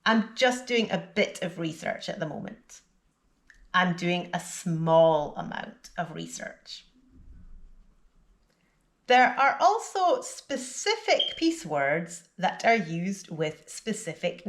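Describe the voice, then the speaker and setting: A woman who is a native English speaker, giving a scripted vocabulary lesson with clear, deliberate teaching and repeat-after-me drills. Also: mid-range voice, fairly bright tone.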